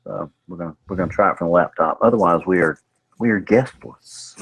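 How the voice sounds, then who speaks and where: A man's voice: low-pitched, fairly quick, a bit bright, breathy edge, dry recording. A man co-hosting a casual chat show, his voice tinny and metallic as if in a tin can from a faulty mic, explaining things in a matter-of-fact way. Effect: tinny tin-can sound from a faulty mic. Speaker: show co-host.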